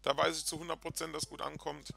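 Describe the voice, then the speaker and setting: A chatty, excitable man hosting a video game let's play and talking casually to his viewers. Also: a little high, fast, vocal fry. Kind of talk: casual gameplay commentary. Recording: game music in background.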